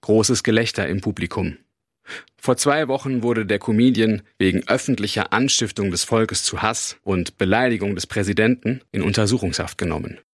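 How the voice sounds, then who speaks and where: A man's voice: fairly low pitch, moderate pace, no echo, studio quality. A male reporter narrating a scripted radio news report in a matter-of-fact way.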